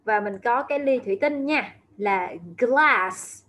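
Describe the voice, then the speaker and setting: A woman whose first language is Vietnamese teaches English words to young children, patiently repeating each one aloud and spelling it letter by letter. Her voice is on the high side and a bit bright, and she speaks slowly.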